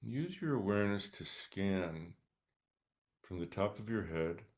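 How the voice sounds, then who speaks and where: A man leading a guided meditation, speaking softly and calmly with long pauses between short instructions. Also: sits low. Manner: slow, calm, soft-spoken instructions with pauses. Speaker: meditation teacher.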